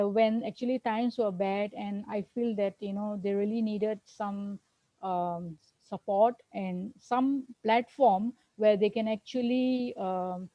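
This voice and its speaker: Over a video call from home, a middle-aged Singaporean accountant answers interview questions earnestly as a guest, using fillers and restarts. Her voice is medium in pitch, and the audio is dull but has no echo.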